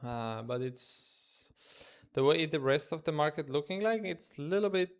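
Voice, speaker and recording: His voice sits on the high side, smooth and animated, moving at a normal speed. He's a native Estonian speaker with an Estonian accent, day-trading on a live stream from his room while chatting loosely in English, thinking aloud and answering chat.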